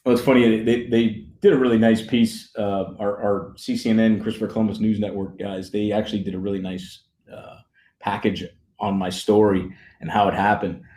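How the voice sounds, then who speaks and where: A man's voice: lowish voice, little pitch movement, normal speed, mellow. Enthusiastic man in a roomy space. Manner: enthusiastic storyteller, frequent laughs. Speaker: guest, stadium announcer. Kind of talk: casual interview chat. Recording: roomy echo.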